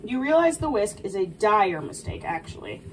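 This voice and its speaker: A woman's voice: medium pitch, very animated, moderate pace, natural voice. A young woman playing a sweet, cheerful video game princess, explaining baking in a dainty, encouraging, instructive way. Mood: thoughtful, instructive. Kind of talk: in-character cooking tutorial. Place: small home kitchen, indoors. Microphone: camera a few feet away. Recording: distant mic, noticeable background noise.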